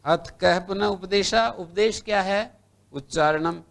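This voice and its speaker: A man teaching Sanskrit grammar in a classroom lecture. He recites lines from old texts and then explains them slowly, one step at a time. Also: high voice, creaky, fairly bright tone. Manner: slow, recites text then explains, lists letters one by one.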